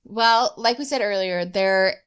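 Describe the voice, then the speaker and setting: A woman's voice: medium pitch, a little slow, over a noisy crowd. A woman co-hosting a podcast in casual chat, talking loosely with lots of "like" fillers. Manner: chatty, many "like" fillers. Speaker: podcast co-host.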